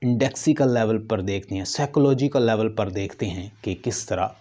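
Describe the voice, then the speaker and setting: A man gives a lesson in an unhurried, deliberate way. His voice sits fairly low and sounds mellow and warm. He repeats short example sentences and leans hard on the stressed words. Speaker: English teacher. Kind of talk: lecture explaining intonation.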